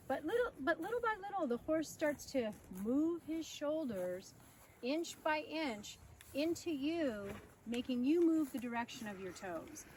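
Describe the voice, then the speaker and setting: A woman's voice: high-pitched, recorded from a distance, slight background noise, low-quality recording. A woman horse trainer teaching outdoors with her horses and talking straight to her viewers in a chatty way. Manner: chatty, addresses viewers directly.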